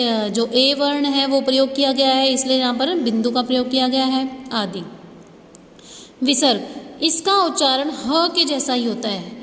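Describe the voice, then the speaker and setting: A woman school teacher giving a slow, patient grammar lesson to young students, often checking that they follow. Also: sits high, fairly bright tone. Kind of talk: online class lesson. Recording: echoey room with faint ambience.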